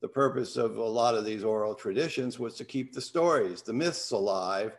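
Hosting from home over video, the older man's medium-pitched voice comes through a webcam mic as he reflects unhurriedly in casual conversation. At one point he reads a poem aloud from his study.

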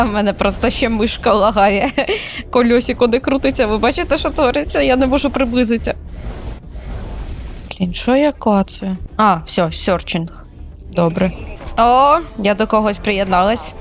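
A woman streamer chatting casually while playing a shooter for the first time, excitable, squealing and laughing at surprises. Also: mid-range voice. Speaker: gaming streamer. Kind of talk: casual let's-play commentary.

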